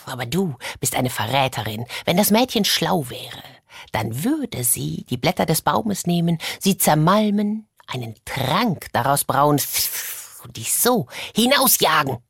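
The stern snake of a fairy tale, hissing and scolding in a high, lively, swooping voice. A woman narrator puts this on. The recording is close and dry. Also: measured pace, gravelly, slightly rough, no echo, full character voice. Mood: scornful.

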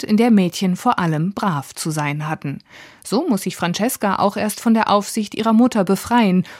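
A woman delivers a scripted radio review. Her pitch is average for a woman. The sound is very dry. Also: a little mellow, dry recording.

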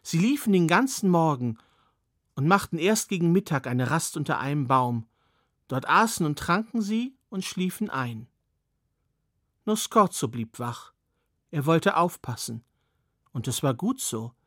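A man's voice: a little high, lively intonation, unhurried, a bit bright, no room sound, clean studio sound. A man telling a fairy tale in a personal storytelling manner with occasional asides.

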